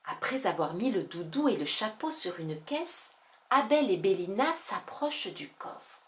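A woman reading a children's story aloud, slow and gentle, lifting her voice for the characters. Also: medium pitch, big pitch swings, echoey room.

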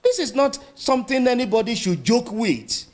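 A man's voice: very high-pitched, expressive, normal speed. A Nigerian man speaking critically, posing pointed questions.

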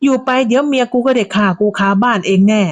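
A woman's voice: fairly high pitch, no room sound, pitched above the performer's own voice, natural voice. Woman playing a weary old husband. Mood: weary, pleading. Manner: pleading, exasperated, slow.

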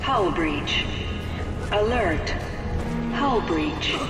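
A failing female ship computer calls out overheating and structural breakdown in flat, clipped alarms. Her low voice rings through a loudspeaker, echoing and far off. Loud game music plays behind her. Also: very slow. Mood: alarmed. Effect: echoing loudspeaker announcement. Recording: echoey distant loudspeaker over game music.

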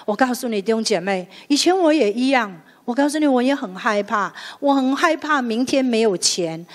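A woman's voice: on the high side, lively intonation, moderate pace. A woman pastor, preaching a sermon and telling a personal testimony that builds to fervent exhortation.

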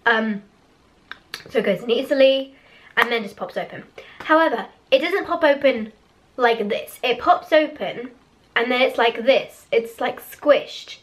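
This is a casual to-camera product review vlog from a teen girl in a small, poster-covered bedroom, her webcam set just before her face. She sounds hoarse, with a fairly high voice that breaks after she coughs. Chatty, open and slightly giggly, she speaks a bit slowly.

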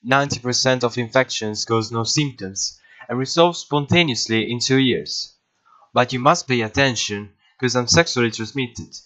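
A man's voice: medium pitch, moderate pace, sharp tone, close to an everyday voice, poor audio. A cheeky cartoon virus, played by a man, introduces itself as the bad guy of an educational animation. It speaks in a mid-range male voice. The delivery is scripted and explanatory, talking directly to the listener. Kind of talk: scripted first-person educational narration.

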